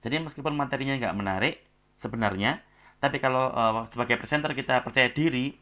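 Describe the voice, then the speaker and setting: A man's voice: medium pitch, quick pace, bright, forceful tone. A man giving feedback on student presentations in a class, with many filler sounds and phrases ending in a tag word. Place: online class recording.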